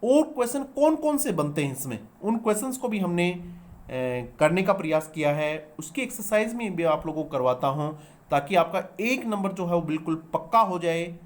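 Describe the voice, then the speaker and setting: A man teaches an online exam-prep class with a slightly high voice. He reads each question slowly in English, then explains in Hindi, asking his students for the answer and repeating key terms until they stick. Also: big pitch swings.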